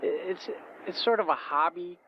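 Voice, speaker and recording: A man's voice: sits high, normal speed, lightly acted. An actor playing an awkward, nerdy male healer superhero who speaks hesitantly, with many "uh"s in a recorded interview. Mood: halting. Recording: dull tape with faint hiss.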